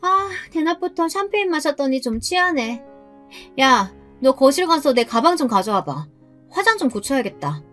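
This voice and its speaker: A woman's voice: sits high, big pitch swings, moderate pace, a bit bright, faint music behind. A woman voicing a bossy, slightly tipsy young woman friend who talks down to others. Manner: bossy, condescending.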